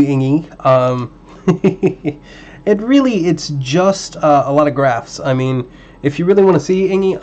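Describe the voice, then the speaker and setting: Male streamer, casual and talkative with a slightly hoarse voice, often drifting off-mic while working, slightly muffled home audio. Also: mid-range voice. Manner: relaxed, chatty, muttering at parts while working. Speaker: livestream host building a drone. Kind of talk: casual livestream chat while building.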